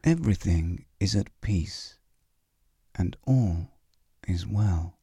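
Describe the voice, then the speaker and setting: Slow, deep-voiced male meditation guide. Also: dark tone, slightly rough, no room sound. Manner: slow, soothing, with long pauses.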